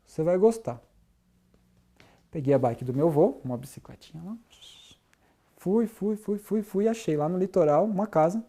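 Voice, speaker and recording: Man, very dark mellow voice, animated testimony storytelling, mimics sounds. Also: high-pitched, normal speed. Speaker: testimony speaker. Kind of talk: spoken testimony.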